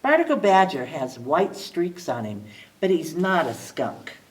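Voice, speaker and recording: A woman librarian reading a picture book aloud at storytime, expressive, with small slips she corrects as she goes. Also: low voice, measured pace, recorded from a distance, rough recording.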